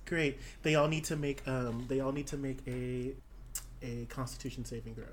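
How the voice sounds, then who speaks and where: Woman, tabletop player, very deep voice, excitable, faint hiss. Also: normal speed. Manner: excitable, bursts of loud reactions. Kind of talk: casual tabletop play.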